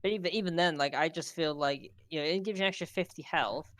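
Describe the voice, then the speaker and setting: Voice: medium pitch, fast talker, a bit bright, dry recording. Stammering gamer on a dry mic. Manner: stumbling, repeats words. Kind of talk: casual gaming podcast chat.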